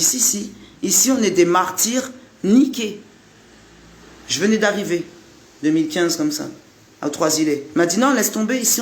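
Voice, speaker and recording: High-voiced man ranting to camera. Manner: repetitive, rhetorical, addresses the listener directly. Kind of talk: impassioned monologue to camera.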